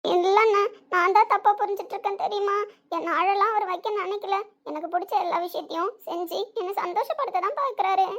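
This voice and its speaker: A woman's voice: very high-pitched, fairly even intonation, fast talker, gravelly. A woman playing a tearful young wife who earnestly pleads for her husband in a family skit. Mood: earnest pleading. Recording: dull lo-fi recording.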